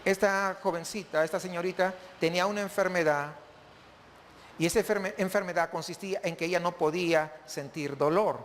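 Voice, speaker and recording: A man's voice: high voice, fairly even intonation, a little fast, big-room sound. A man preaching a sermon as pastor, often asking the congregation questions.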